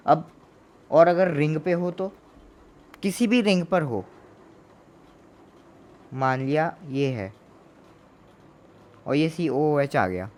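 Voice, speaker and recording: A man's voice: fairly high pitch, takes it slowly, long pauses, a little mellow. A man teaching a chemistry lesson in Hindi, asking questions and answering them himself, repeating each term to drill it in. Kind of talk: Hindi classroom lecture.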